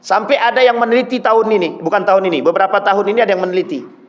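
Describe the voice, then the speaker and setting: A man's voice: sits high, racing, dull audio. A male preacher giving a sermon, speaking straight to his congregation and acting out the people he quotes. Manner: addresses the congregation directly, acts out quoted voices.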